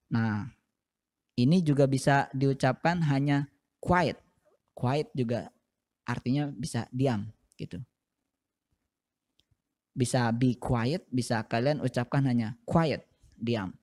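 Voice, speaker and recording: A male teacher gives a recorded lesson to seventh graders. He speaks slowly and at a medium pitch. He says each English phrase twice, drilling the pronunciation in short, patient steps. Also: darkish tone.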